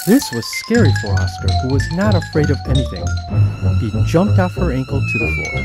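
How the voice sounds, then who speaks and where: Man narrating an animated storybook. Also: on the high side, fairly quick. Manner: animated, expressive reading. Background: background music.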